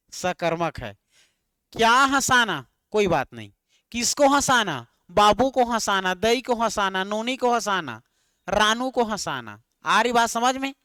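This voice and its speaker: A man's voice: high voice, big pitch swings, a little slow, bright, forceful tone, smooth, dry recording. A man teaching an exam-prep grammar lesson, repeating words and quizzing his students with questions. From Chhattisgarh, India.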